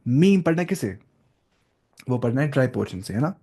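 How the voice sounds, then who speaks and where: A young man gives a relaxed classroom lesson on recitation. He explains step by step, asks his listeners questions and sounds out each letter to show how it should be said. His pitch sits in an ordinary middle range. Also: slightly rough. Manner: explains step by step with questions and demonstrations, mixing in English words. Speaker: Quran recitation teacher.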